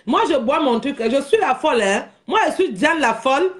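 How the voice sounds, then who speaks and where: Animated woman ranting live. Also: sits high, moderate pace. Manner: animated, repetitive, often laughing while talking. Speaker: live stream host. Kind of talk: unscripted live-stream rant.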